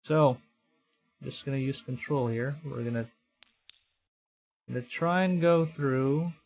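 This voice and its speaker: A man from the Philippines, streaming as a VTuber, reads a visual novel's story text aloud during live game commentary. His voice is medium-pitched and a little mellow. He's halting, thinks aloud, and stumbles over lines, with game music in the background.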